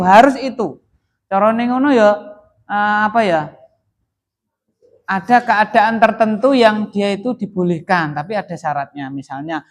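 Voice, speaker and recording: Lively teacher quizzing a class. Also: male voice, high voice. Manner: lively questioning, quizzes the class call-and-response. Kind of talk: classroom grammar lesson.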